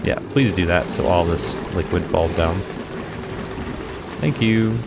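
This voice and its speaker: A man giving casual commentary while he plays a video game, thinking out loud and talking to himself as he plays. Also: low voice, takes it slowly, loud music behind the voice. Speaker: gameplay video host.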